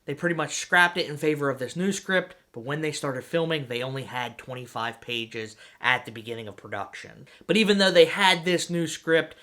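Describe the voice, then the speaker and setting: Male narrator, upbeat and chatty, bright and slightly high. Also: normal speed, hardly any pauses. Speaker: video essay narrator. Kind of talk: conversational film-trivia narration.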